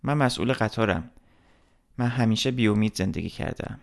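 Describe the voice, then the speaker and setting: A dutiful train conductor talks urgently and anxiously, as a man narrating the story voices him. His voice is low, with a gravelly fry at the edges. It has the tone of a storybook character read aloud. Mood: grim.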